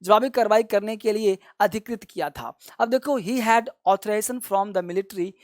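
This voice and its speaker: This male English vocabulary teacher has a high, slightly mellow voice and a measured pace, captured as clean studio sound with no echo. He runs his lesson like a classroom, saying each word twice and having the class repeat it, and lovingly refers to his viewers as children.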